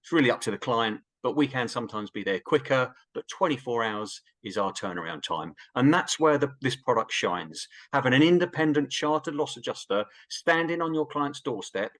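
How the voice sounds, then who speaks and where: A man walks through a product on a business webinar, upbeat and emphatic, now and then slipping in a joke. His voice sits at an everyday middle pitch. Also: animated, normal speed, hardly any pauses, a bit bright. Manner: upbeat, emphatic, sometimes jokey. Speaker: insurance relationship director presenting a webinar. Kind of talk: presenting a sales webinar.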